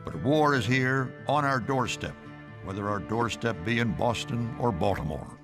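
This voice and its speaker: A man's voice: medium pitch, expressive, normal speed, close to an everyday voice. A man voicing a pompous, wry elderly colonial statesman giving oratory in a history cartoon. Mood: solemn, oratorical. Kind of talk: animated history cartoon acting. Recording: music behind the voice.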